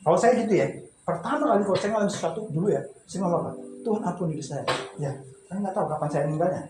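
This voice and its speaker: Pastor preaching in an echoey room. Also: male voice, high-pitched, animated, very fast, noisy background. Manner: conversational storytelling with laughs and restarts. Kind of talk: sermon at a memorial service. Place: home memorial gathering.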